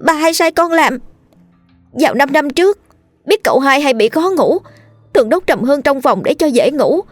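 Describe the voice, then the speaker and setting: A woman's voice: high-pitched, lively intonation, normal speed, no echo, faint music behind, pitched above the performer's own voice. A woman voicing a terrified young female servant who stammers through a confession in a storytelling reading. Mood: frightened. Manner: stammering, trembling.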